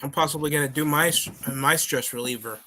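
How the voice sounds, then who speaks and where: A man's voice: fairly high pitch, fairly quick, bright, forceful tone, slight background noise. A man in casual stream chat, talking crude, ranting trash.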